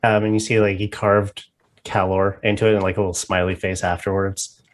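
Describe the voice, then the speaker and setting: A man's voice: sits low, level tone, a little fast. A man playing a tabletop game, describing and role-playing in a casual, hesitant way. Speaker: player.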